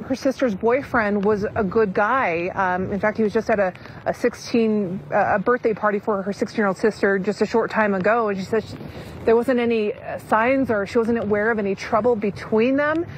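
A woman field reporter giving a live news report outdoors at night, brisk, with some fillers. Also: medium pitch, slight background noise, poor audio.

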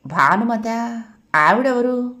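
A woman's voice: medium pitch, unhurried, a bit bright, lightly acted. A woman voicing a forgetful, easily flustered middle-aged office clerk who talks anxiously and pleads.

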